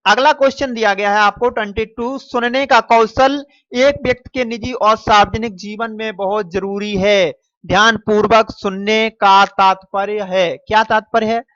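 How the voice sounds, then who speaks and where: A man's voice: high-pitched, steady tone, fairly bright tone, no echo. Man teaching through a quiz paper, dull dry recording. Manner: addresses students as dear children; repeats and stretches answers slowly. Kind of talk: exam paper walkthrough lesson.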